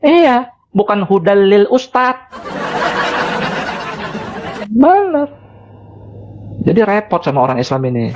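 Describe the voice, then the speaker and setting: A man with a fairly high voice talks in a loose, chatty way on a live stream. He keeps a mocking edge and chuckles between phrases. Steady background ambience hisses clearly under his voice. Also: slow, pauses often, dull audio. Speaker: live-stream religious debater. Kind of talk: casual live-stream talk.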